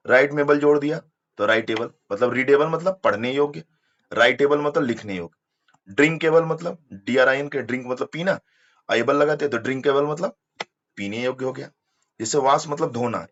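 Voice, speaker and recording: A man's voice: mid-range voice, a bit bright, highs cut off. A man teaching an exam-prep English lesson, explaining step by step and spelling words out letter by letter.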